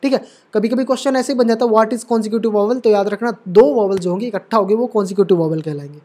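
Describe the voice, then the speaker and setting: Guy teaching english pronunciation at a board, kinda high voice, keeps asking if you got it. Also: fairly quick, dark tone. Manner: patient, repetitive explaining, checks understanding; calls viewers brother and dear. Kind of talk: classroom lesson at a board.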